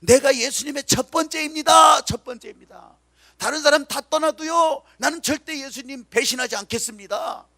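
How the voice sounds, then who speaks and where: A man voicing a male disciple who first boasts loudly, then pleads in panicked denial. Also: very high-pitched, normal speed, pitched above the performer's own voice, exaggerated voice. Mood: boastful. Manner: loud, pleading, insistent.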